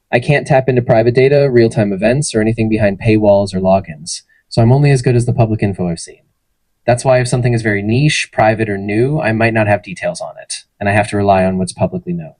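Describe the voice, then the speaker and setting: Answering interview questions conversationally, a synthetic male AI assistant voice stays friendly, even, and polished. It sits lowish and moves at a quick pace, and the recording is rough with no echo.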